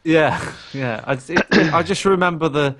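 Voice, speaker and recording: A man co-hosting a casual gaming podcast, animated and quick to laugh. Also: fairly high pitch. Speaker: podcast co-host.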